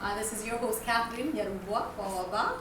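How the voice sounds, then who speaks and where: A woman's voice: on the high side, fairly quick, background noise. A woman hosting a live on-stage interview, upbeat and encouraging with many fillers. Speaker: podcast host. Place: event venue with live audience. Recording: echoey venue, distant mic.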